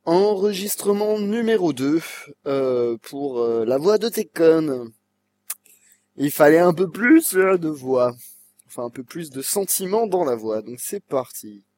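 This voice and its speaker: An amateur voice actor talks through dub takes slowly and with playful asides. The voice is husky and moves around a lot in pitch. Jokes come between the lines. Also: animated, darkish tone. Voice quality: jokey, laughs between takes. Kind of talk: recording voice takes with retakes and jokes.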